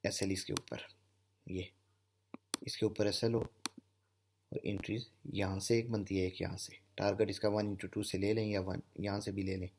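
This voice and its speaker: Man, trading instructor, husky gravelly voice, patient step-by-step explaining. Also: on the low side, level tone, normal speed, darkish tone. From Pakistan. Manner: explanatory, repeats "theek hai" often. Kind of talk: screen-share trading lesson.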